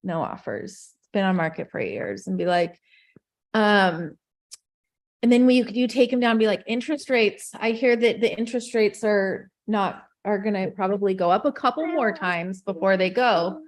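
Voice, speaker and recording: A woman's voice: medium pitch, moderate pace. A woman leading a real estate group video call, talking in a loose, chatty way and often correcting herself. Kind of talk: casual coaching on a video call.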